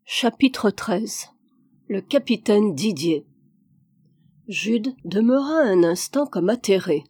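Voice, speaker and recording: Woman, audiobook narrator, mellow warm voice, measured steady reading. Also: medium pitch, slightly rough. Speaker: audiobook reader.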